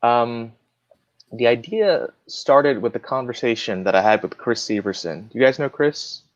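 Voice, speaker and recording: On a casual live stream, a male guest cardist talks things through in a relaxed manner, leaning heavily on fillers. His mid-range voice is expressive and runs at a normal speed, captured in dull, dry, lo-fi audio.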